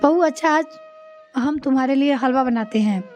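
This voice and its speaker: A woman voicing a high-voiced older mother-in-law. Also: moderate pace, a little mellow, soft background music, close to an everyday voice. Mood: gentle. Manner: complaining, scolding. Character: older mother-in-law, sharp-tongued, later remorseful.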